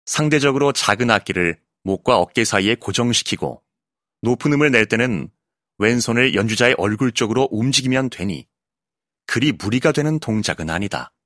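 A male voice actor reading an essay audiobook in a calm, clear narrating voice, recorded close in a studio booth. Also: medium pitch, brisk, dry recording. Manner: calm, clear narration with lively, expressive intonation.

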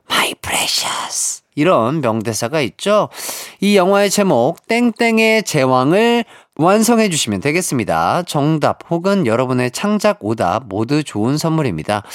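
A man's voice: on the high side, dry recording, clean studio sound. A man hosting a radio quiz, joking playfully as he reads out listener messages. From Jeolla, South Korea. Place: radio studio. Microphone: studio microphone.

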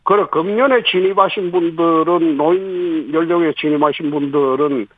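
A man, a city government official, answering radio interview questions and explaining policy point by point with pauses. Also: on the high side. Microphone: phone. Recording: tinny phone line.

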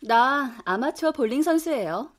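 An actress in her twenties playing a calm, matter-of-fact young neighbor. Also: high-pitched, moderate pace. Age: 20s. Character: young upstairs neighbor, cool and offhand.

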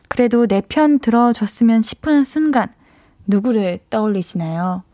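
A woman's voice: on the high side, darkish tone, no room sound, clean studio sound. A young woman hosting a radio show, reading listener messages in a friendly, playful, chatty way. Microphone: studio microphone.

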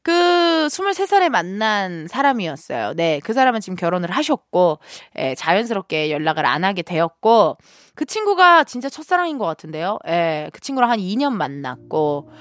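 Bubbly, lively-voiced woman radio DJ. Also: medium pitch, dry recording, studio quality. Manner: bubbly, playful, quick shifts of tone. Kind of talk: radio show talk, reading listener stories. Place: radio studio. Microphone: studio microphone.

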